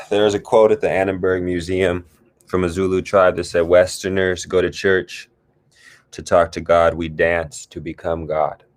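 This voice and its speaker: Slow, deep-voiced man guiding reflection. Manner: calm, drawn-out, reflective, with sighs. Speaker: host leading a guided discussion. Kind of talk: slow meditative guided talk.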